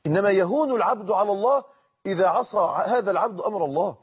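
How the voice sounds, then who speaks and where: A man with an Egyptian Arabic accent preaching a sermon in an earnest manner, repeating his phrases for emphasis and slowing down for quotations. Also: high-pitched, husky, highs cut off.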